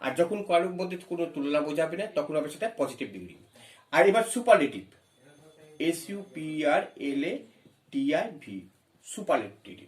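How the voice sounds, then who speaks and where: A man's voice: a little high, big pitch swings, a little mellow, reverberant. A man teaching an English grammar lesson, explaining step by step, asking questions and spelling words letter by letter. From West Bengal. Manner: reads English phrases slowly.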